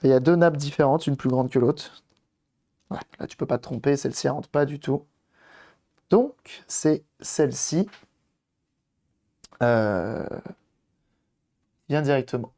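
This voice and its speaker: A hoarse man on a live stream, chatting casually with viewers and thinking aloud as he tinkers with electronics. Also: medium pitch, a little slow, pauses often, mellow. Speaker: streamer doing electronics modding. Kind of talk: casual live-stream chat while working.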